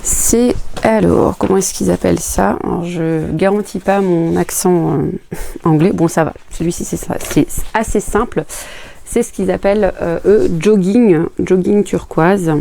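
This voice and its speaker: A woman with a low, gravelly voice and a dark, mellow tone, chatting casually to her viewers. She is a sewing vlogger who unpacks things and explains each one plainly, with a faint hiss of noise behind her. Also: measured pace. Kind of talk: casual unboxing chat to camera.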